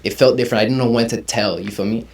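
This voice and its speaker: This young man from Uganda, a rapper in his twenties, speaks fast at a medium pitch. Chatting easily as an interview guest, he fills his talk with slang and keeps saying "you feel me."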